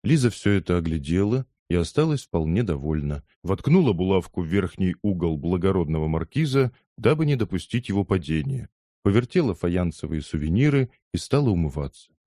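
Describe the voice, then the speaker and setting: A male narrator with a low, dark, mellow voice reads a novel aloud in steady, even storytelling. The recording is close and dry, with no room sound. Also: a little fast, dry recording. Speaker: audiobook narrator. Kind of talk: scripted narration.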